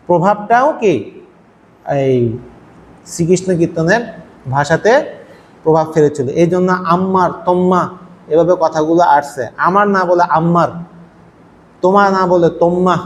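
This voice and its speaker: A man teaching a university language class, explaining patiently and asking his students rhetorical questions. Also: high voice. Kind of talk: classroom lecture. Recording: faint noise, long hall echo.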